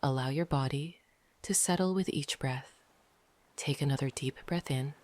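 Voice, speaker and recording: Noisy ambient sound runs beneath a calm meditation guide. Her delivery is slow and soothing, breathy and often whispered, at medium pitch, with long pauses between each phrase.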